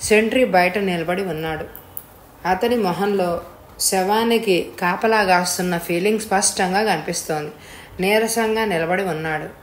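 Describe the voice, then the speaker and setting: A woman narrates a story in a steady, plain manner. Her voice rings in an echoey room with a faint hiss underneath. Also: fairly low pitch, normal speed. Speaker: audiobook reader.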